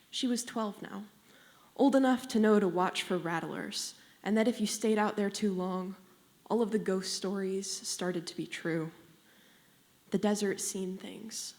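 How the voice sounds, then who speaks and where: Teen girl author reading her fiction, measured, unhurried, mid-pitched woman's voice. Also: darkish tone. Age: teens. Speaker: young fiction writer. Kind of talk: reading her own short story aloud.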